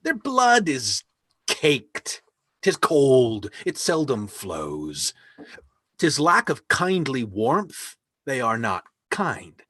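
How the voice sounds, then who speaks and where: An actor playing a lavish, generous nobleman facing ruin, speaking verse slowly and emphatically with a husky voice. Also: mid-range voice, wildly swooping pitch, fairly bright tone, no room sound, clean studio sound, heavily acted. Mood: commanding. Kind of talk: live online reading of a stage play. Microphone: home microphone on a video call.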